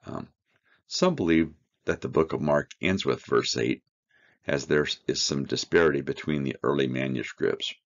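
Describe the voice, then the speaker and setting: A man teaching a verse-by-verse Bible study, reading scripture aloud and explaining it with slow, earnest emphasis. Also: a bass voice, muffled recording.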